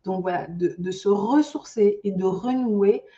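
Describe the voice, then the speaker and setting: A woman's voice: mid-range voice, measured pace, mellow, distant mic, highs cut off. A woman giving an online master class on starting an ecotourism business, speaking loosely with lots of fillers and restarts. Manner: loose spoken delivery with many fillers and restarts.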